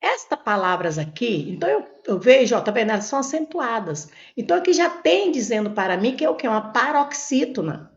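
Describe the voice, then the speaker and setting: A Brazilian Portuguese woman teacher works through exam grammar, posing a question and then answering it herself. Her voice sits a little high and moves a great deal, with a gravelly edge. The recording sounds dull and lo-fi. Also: sing-song, fairly quick, hardly any pauses, roomy sound. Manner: step-by-step, asks questions and answers them herself. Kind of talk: exam prep lesson, explaining on a board.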